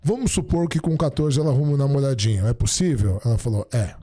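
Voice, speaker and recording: A middle-aged man, a podcast guest, chatting casually and telling stories, acting out the dialogue he quotes in an animated way. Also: medium pitch, fast, husky. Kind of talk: casual storytelling chat.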